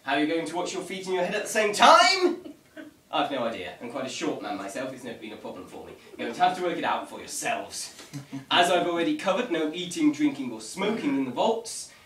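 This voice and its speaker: A man's voice: fairly high pitch, sing-song, a little fast, a bit bright. A man giving an informal briefing to a group as a tour guide, with a wry, dryly humorous and slightly mock-formal manner. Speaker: ghost tour guide leading a vigil. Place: indoors in an echoey room. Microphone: camera mic at a distance. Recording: echoey room, distant mic, faint noise.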